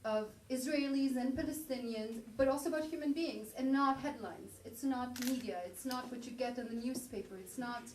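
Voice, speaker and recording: A woman's voice: sits high, moderate pace, hardly any pauses. A woman, a theater performer, speaking earnestly and emphatically after a show. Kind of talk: post-show talk. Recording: echoey room from far off, light noise.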